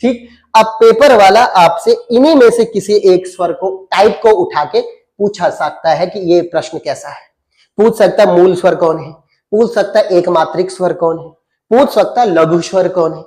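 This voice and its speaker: Male grammar teacher, Uttarakhand accent, high voice, quizzing style, stretches vowels. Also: normal speed, darkish tone. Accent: Uttarakhand Hindi. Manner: quizzes listeners, answers his own questions; draws out vowels to demonstrate them. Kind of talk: classroom-style lesson with questions and answers.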